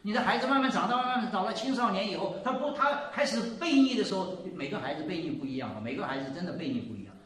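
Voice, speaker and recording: Animated elderly man preaching in an echoey hall. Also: high-pitched, fast, few pauses, distant mic. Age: 70s. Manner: storytelling, swings between loud exclaiming and quiet asides. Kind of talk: sermon. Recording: echoey room, voice from off the mic.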